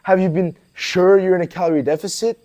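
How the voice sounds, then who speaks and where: A Portuguese fitness coach in his twenties answers viewer questions in a casual Q&A vlog. His voice is high-pitched and mellow, with fairly even intonation and a brisk pace, and he's blunt, swearing and calling the viewer bro.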